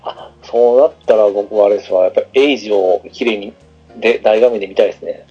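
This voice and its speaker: A man in a relaxed, easygoing casual chat about video games. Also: fairly low pitch, fast talker, breathy edge, highs cut off, soft background music. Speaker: podcast guest.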